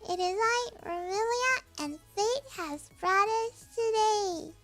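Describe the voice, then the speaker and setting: A woman livestreamer with a squeaky, pinched, extremely high voice and a bright tone. She chats casually in a playful, theatrical way at an unhurried pace. Faint music plays behind her. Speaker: streamer greeting viewers.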